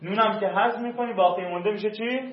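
Male teacher, classroom grammar lesson, rather high voice, dull roomy recording, drilling and quizzing. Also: steady tone. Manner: drills conjugations, quizzing students.

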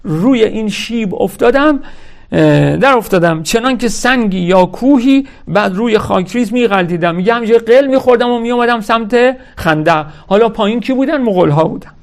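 This religious lecture features a man whose voice sits high, with lively intonation and a creaky quality. He reads passages from a historical text, unpacks them in everyday terms, and directs his listeners to what matters, stressing key words and addressing them directly.

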